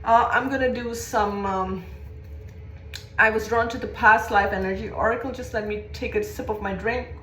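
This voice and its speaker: A woman's voice: mid-range voice, steady tone, normal speed, a bit bright, echoey room, low-quality recording. A woman giving a live tarot reading to viewers, repetitive and reassuring, often checking in with "okay?". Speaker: psychic tarot reader. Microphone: livestream setup.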